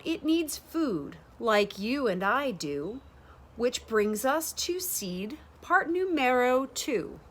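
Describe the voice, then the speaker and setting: An educator reads rhyming verse from a picture book to children in a bright, large-windowed sunroom. Her fairly high voice is slow and lively, with deliberate, expressive phrasing aimed at kids.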